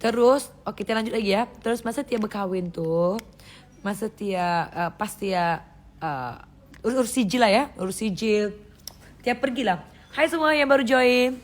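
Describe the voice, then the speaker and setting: A woman from Indonesia chatting on a live stream, lively and loose, who laughs often. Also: mid-range voice, moderate pace. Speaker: livestream host. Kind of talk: casual live-stream chat. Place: indoors, live stream from a phone.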